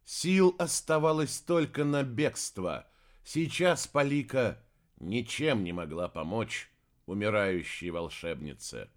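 Expressive slow-reading male narrator. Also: mid-range voice. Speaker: audiobook narrator. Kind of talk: scripted fantasy narration.

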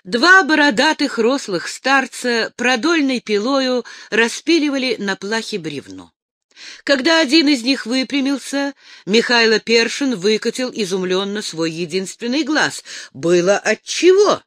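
A woman narrating a historical novel as an audiobook, in a measured, expressive way. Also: on the high side, dry recording, studio quality. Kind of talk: scripted narration.

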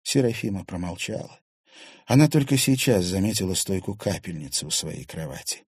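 A man reading a novel aloud in an even, measured way. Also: low voice, breathy edge, no room sound, studio quality. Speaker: audiobook reader. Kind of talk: scripted narration.

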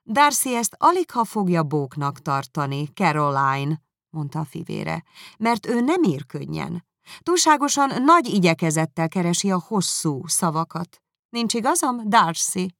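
A woman reading aloud, voicing a good-humoured, easygoing young gentleman who pokes fun at himself. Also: lowish voice, very animated, gravelly, no room sound, studio quality, full character voice. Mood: genial. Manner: good-humoured, quick, self-mocking.

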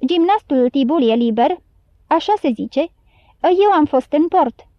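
A woman's voice: sits high, animated, no room sound, dull audio. A woman voicing a bold, cheeky street boy in a storybook reading. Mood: telling. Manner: cheeky, shouting.

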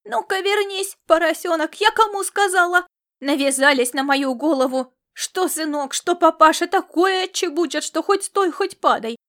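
A woman voicing a loud, bossy peasant mother who scolds and fusses in folksy speech. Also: high voice, normal speed, natural voice. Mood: loud lamenting. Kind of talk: audiobook character reading.

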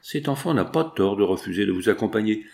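A man reading the part of a shrewd gentleman investigator who reasons things out calmly. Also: fairly low pitch, brisk, creaky.

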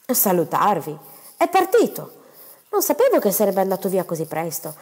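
A woman's voice: medium pitch, huge pitch swings, normal speed, darkish tone, husky, full character voice. A woman voicing a stern middle-aged male country doctor who asks probing, abrupt questions. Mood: surprised. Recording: long hall reverb.

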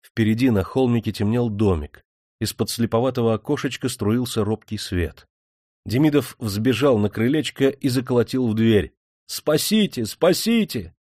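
A man narrating an audiobook in a steady, measured storytelling manner. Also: mid-range voice, dry recording, studio quality. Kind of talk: scripted narration.

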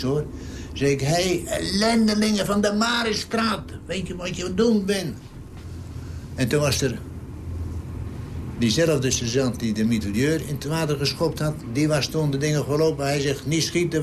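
Against a noisy background, a man in his nineties with a mid-range voice recounts his time in the war for an interviewer. He's blunt and salty, bringing the story to life by performing the dialogue himself.

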